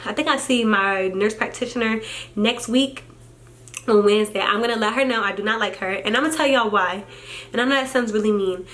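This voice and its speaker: With a mid-range voice, a young woman vlogs casually, recounting a story in a lively, exasperated way and imitating what people said to her.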